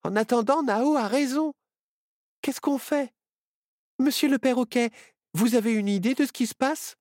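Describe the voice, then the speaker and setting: A man's voice: very high-pitched, normal speed, darkish tone, no echo, studio quality, voice pushed up. A man voicing a spirited young girl magician turned into an owl, in a storybook reading. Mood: surprised.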